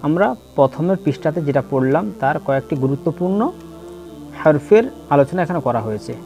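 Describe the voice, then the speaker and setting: A man teaching letter pronunciation in a slow lesson, patiently repeating and drawing out each sound for students to follow. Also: fairly high pitch, warm tone. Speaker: Quran reading teacher. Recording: dull lo-fi with faint music.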